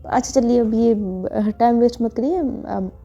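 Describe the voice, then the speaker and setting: A fond, scolding young woman, as a woman storyteller plays her. She sounds firm but caring, in a mellow, darker voice pitched a little high. The recording is dull, with faint background music. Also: unhurried. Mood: scolding fondly.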